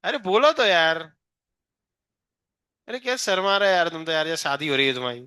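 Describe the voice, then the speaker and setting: Bright-voiced teasing male physics teacher. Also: a little high, brisk, smooth, no room sound, clean studio sound. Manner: teasing, coaxing a shy student, counting aloud. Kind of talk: live classroom lecture.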